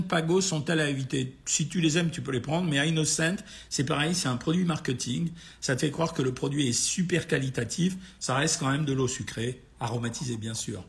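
Gravelly, hoarse, tired Frenchman. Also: on the high side. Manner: blunt, familiar, addresses listeners directly. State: tired, a bit worn out. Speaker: doctor hosting a nutrition question-and-answer session. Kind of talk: informal live question-and-answer, reading out comments and replying.

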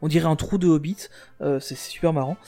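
Enthusiastic man on a podcast, fairly high voice. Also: steady tone, quick pace, mellow, soft background music. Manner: enthusiastic, talks in rambling bursts with restarts. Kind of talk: casual podcast chat.

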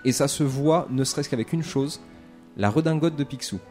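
Animated French man enthusing in chat. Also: a little high, moderate pace, soft background music.

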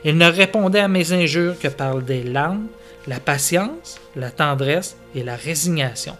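A man's voice: on the high side, expressive, measured pace, a bit bright, soft background music. A man reading the part of a dying, repentant woodsman who pleads and confesses his wrongs in an audio story. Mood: confessing. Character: dying repentant male woodsman, feverish and frightened.

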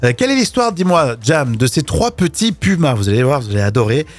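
A man's voice: fairly high pitch, big pitch swings, a little fast, faint music behind. Playful teasing man on radio. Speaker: radio co-host. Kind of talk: casual morning radio chat. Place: radio studio.

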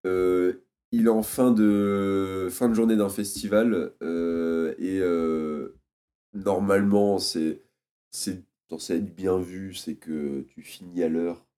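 A man's voice: deep voice, steady tone, takes it slowly, dark tone. A man chatting casually as a podcast co-host, telling an anecdote animatedly with many fillers and restarts. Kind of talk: casual chat.

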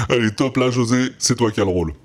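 A man's voice: medium pitch, slightly rough. A man hosting a podcast, announcing results in a chatty, teasing way. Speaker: podcast host.

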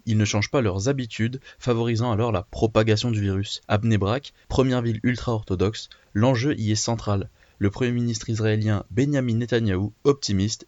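A man reading international news items in a measured scripted way. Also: lowish voice, darkish tone, no echo. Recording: dull lo-fi dry recording.

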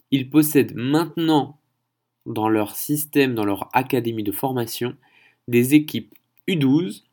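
A man's voice: mid-range voice, a little mellow. A man from France hosting a solo podcast, explaining at length and thinking aloud, often correcting himself mid-sentence. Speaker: podcast host.

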